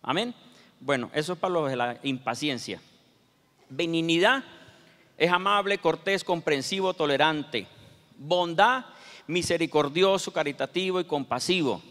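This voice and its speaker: Preacher, higher voice, reverberant hall. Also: male voice, unhurried, a bit bright. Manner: storytelling with rhetorical questions. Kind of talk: sermon.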